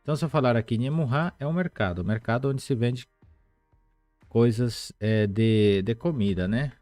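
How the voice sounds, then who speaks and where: A man teaching a live online language lesson, explaining patiently and repeating words slowly, with chatty asides to viewers. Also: mid-range voice, darkish tone, dry recording, soft background music.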